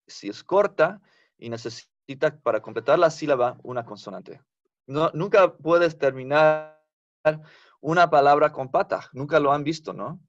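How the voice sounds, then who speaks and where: Male teacher, unhurried, patient class explanations, muffled dry recording. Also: mid-range voice, no echo. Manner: patient, explains slowly, asks the class for confirmation. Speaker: Biblical Hebrew teacher.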